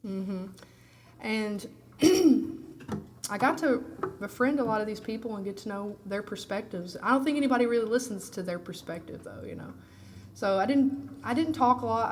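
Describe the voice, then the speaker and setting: A woman's voice: medium pitch, slight background noise. A woman singer-songwriter with a groggy voice from allergies, chatting candidly and rambling between songs at an intimate live session. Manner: rambling and candid, full of "you know" and "like". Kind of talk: casual chat between songs.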